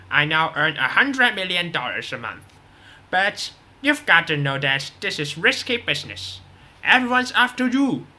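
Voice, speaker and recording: In a scripted radio drama interview, a performer plays a brash drug boss on the run who shows no remorse, boasting and brushing things off. The voice sits mid-range, pushed and bright, with an exaggerated delivery.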